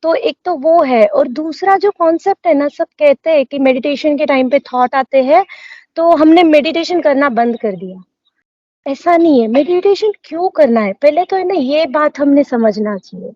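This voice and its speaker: High-pitched woman explaining meditation, earnest, dry dull sound. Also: animated, moderate pace, no echo. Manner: earnest, mixes English phrases into Hindi. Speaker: dentist and meditation guest. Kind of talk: casual chat.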